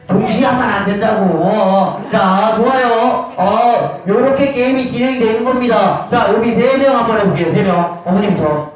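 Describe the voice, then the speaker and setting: A man leading seniors through a group game, giving brisk, repetitive instructions and calling out cues. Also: high voice. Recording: echoey dull room from far off.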